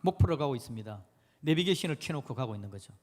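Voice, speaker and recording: Man preaching in a reverberant hall. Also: very fast. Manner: animated preaching, swings from loud exclamations to quiet low asides. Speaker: pastor. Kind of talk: sermon. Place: church sanctuary. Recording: long church hall reverb.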